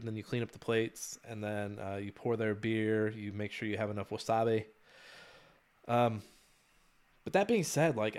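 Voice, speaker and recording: Animated casual man on a podcast. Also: medium pitch, smooth. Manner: animated, swearing, laughs often. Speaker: podcast co-host. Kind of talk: casual chat.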